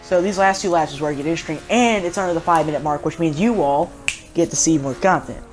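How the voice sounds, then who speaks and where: A man's voice: on the high side, quick pace, soft background music. A young man, chatting casually and jokily as he reviews a racing game car for his viewers. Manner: rambling, jokey, chatty, talks straight to viewers. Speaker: gaming video host.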